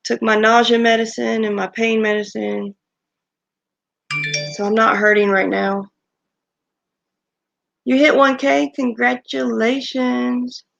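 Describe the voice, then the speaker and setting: Woman streamer, creaky morning voice, chatting with viewers, kinda muffled lo-fi mic. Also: a little high, steady tone, slow, long pauses, fairly bright tone, a little hiss or hum. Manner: chatty, thanks viewers one by one. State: just woke up, recovering from illness. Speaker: livestream host. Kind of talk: casual chat with viewers. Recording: dull lo-fi stream audio.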